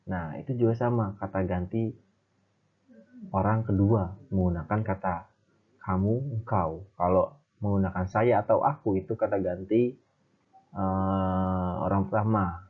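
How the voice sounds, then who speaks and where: A male teacher with a fairly low voice walks through a grammar lesson step by step, pausing often on small fillers. The sound is thin and narrow, like a phone line. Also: fairly even intonation. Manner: explains step by step with frequent fillers.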